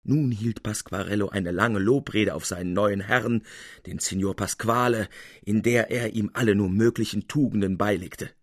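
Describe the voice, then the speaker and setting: A man narrating an audiobook in a measured, expressive reading. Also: lowish voice, no room sound.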